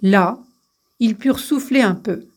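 A woman narrating a fairy tale with a measured, gentle reading style. Her voice sits fairly high, and she takes the story at a slow, unhurried pace.

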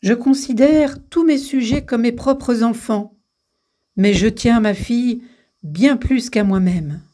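A gentle, regal queen, read by a woman storyteller, soft-spoken and pleading. The voice is fairly high and unhurried, in the manner of a storybook read aloud.

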